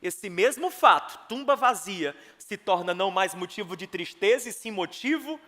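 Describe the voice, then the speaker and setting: A man preaching a sermon as pastor, swinging between loud emphasis and hushed, intense passages. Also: high voice, lively intonation, normal speed. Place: church sanctuary. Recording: long hall reverb, church sanctuary.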